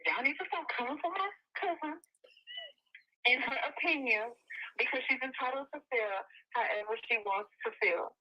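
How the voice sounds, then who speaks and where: High-voiced woman caller on a lo-fi inmate payphone, casual and loyal. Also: moderate pace. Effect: inmate payphone call. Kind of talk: casual chat. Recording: tinny payphone line.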